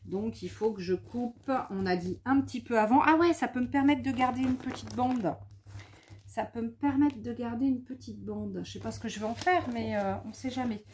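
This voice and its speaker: A woman with a slightly high voice talks through a paper craft project, tired but chatty and self-mocking as she counts out measurements. A faint noise sits under her voice. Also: normal speed, darkish tone. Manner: thinks aloud and scolds herself playfully. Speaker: scrapbooking video host. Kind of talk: casual craft demonstration.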